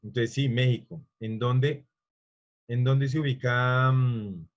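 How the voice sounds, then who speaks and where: A male teacher leads an online class, wandering through his explanation and pausing to quiz the students. His voice sits at an ordinary pitch. The audio is muffled and lo-fi. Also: steady tone. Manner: rambling, stops to quiz students.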